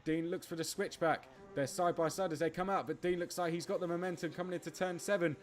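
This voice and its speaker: Excitable karting commentator. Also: male voice, fairly high pitch, quick pace. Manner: excitable, laughs mid-call, stumbles over words. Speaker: race commentator. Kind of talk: live motorsport commentary.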